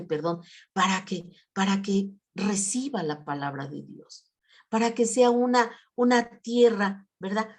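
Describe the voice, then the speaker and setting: A woman's voice: medium pitch, darkish tone. Woman preaching a conversational sermon. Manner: conversational, tag questions, repeated words, acts out prayers.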